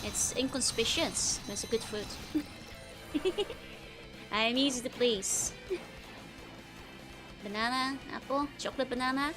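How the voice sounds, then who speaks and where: A woman's voice: sits high, slow pace, pauses often. A woman livestreamer chatting casually with viewers while gaming, in a cute, playful anime-streamer manner with frequent giggling. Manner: giggles often. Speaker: livestreamer host. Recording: music behind the voice. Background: game music.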